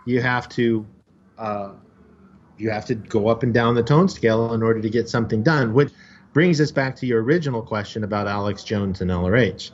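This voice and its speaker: Man explaining at length, lo-fi sound. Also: mid-range voice. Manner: explains at length, acts out quoted voices. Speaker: podcast co-host. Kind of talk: casual podcast discussion. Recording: dull lo-fi audio.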